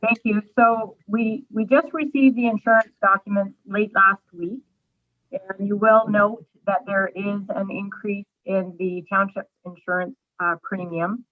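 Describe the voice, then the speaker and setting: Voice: mid-range voice, steady tone, a little slow, no echo. A township staff member presenting a report at a council meeting over a garbled, glitchy remote call, speaking hesitantly and apologetically. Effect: garbled, glitchy remote call audio. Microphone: remote call line. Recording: tinny, dry phone-like call line.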